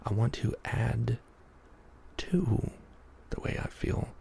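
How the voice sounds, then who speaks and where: A man giving a soft, half-whispered ASMR pep talk in a breathy, gravelly voice, rambling along with gentle encouragement. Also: mid-range voice, animated, takes it slowly, a little hiss or hum. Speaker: ASMR YouTuber.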